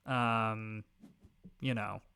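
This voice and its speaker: Extremely slow and fairly even in intonation, this fairly low, gravelly voice has a bright, forceful, clean tone. It belongs to a thirty-something gaming YouTuber with a Midwestern American accent who rambles casually through an online board game, filling his let's-play commentary with fillers and self-deprecation.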